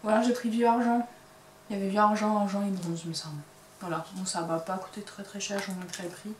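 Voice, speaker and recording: A woman's voice: medium pitch, fairly even intonation, fast talker, slight background noise. Chatty woman in a roomy, distant recording. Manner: chatty, hesitant, many fillers. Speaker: crochet and knitting podcast host. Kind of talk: casual chat showing items to camera. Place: home craft workshop. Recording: roomy, distant mic, faint ambience.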